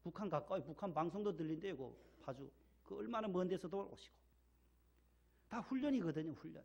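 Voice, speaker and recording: Gravelly male pastor preaching. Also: high voice, expressive, fairly quick, darkish tone, lo-fi sound. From Gyeongsang region, Korea. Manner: emphatic, repeats key words, leads call-and-response. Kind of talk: sermon. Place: church sanctuary.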